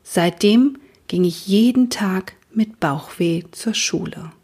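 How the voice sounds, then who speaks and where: A woman reading a children's book aloud, then speaking gently and directly to her young listeners as host of a reading series. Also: medium pitch, takes it slowly, slightly rough.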